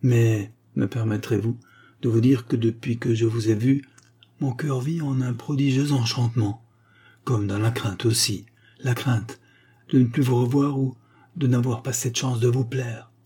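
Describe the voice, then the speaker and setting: A man's voice: medium pitch, fairly even intonation, a little slow, warm tone, breathy edge. A man voicing a gallant young officer. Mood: earnest. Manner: polite, earnest. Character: gallant young male officer, eager and courteous.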